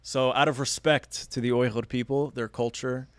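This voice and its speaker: A man hosting a podcast, speaking in a measured, earnest way, introducing his guest and asking questions. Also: mid-range voice, fairly even intonation, dry recording. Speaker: podcast host. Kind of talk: podcast interview, read-out intro. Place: studio.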